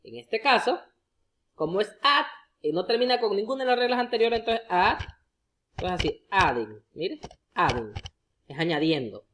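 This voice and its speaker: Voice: medium pitch, big pitch swings, normal speed, fairly bright tone. Patient classroom explainer; repeats examples, talks straight to the viewer. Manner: addresses the viewer directly, often with a coaxing "look". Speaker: English teacher. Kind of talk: explaining grammar rules to students.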